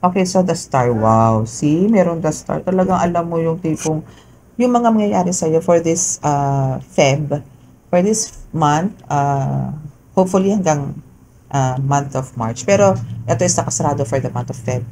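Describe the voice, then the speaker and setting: A woman with a low voice gives a relaxed, chatty tarot reading, moving freely between Tagalog and English and often tagging her sentences with little questions to the viewer. Steady background noise runs under the recording. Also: measured pace, low-quality recording. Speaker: tarot reader.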